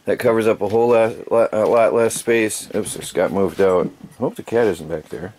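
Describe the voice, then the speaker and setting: A man's voice: fairly low pitch, normal speed, darkish tone, a little hiss or hum. A middle-aged man in casual chat as a vlogger, laughing often, filmed by a camera across a small wooden cabin living room.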